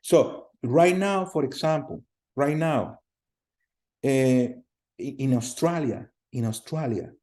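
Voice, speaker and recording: A man from Colombia in his thirties teaching a class over a video call, energetic, often repeating words and putting questions to the students. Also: mid-range voice, slow pace. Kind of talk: online class lecture. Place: home room on a video call.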